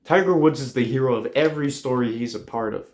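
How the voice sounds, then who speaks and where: A man hosting a podcast, telling a rambling comedic monologue in a deadpan way with lots of fillers. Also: medium pitch, fast. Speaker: podcast host.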